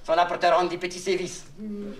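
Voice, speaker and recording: Crowd noise surrounds a brisk, high-sitting, flat voice, lightly acted. The Québécois comedian becomes a childlike, naive clown-vagabond who rambles and confides, mangling words and spinning puns, all preserved on an echoey, distant, noisy old LP.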